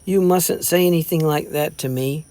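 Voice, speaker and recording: A man voicing a well-mannered young gentleman boy who speaks in a polite, steady, measured way. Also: medium pitch, close to an everyday voice. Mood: stern.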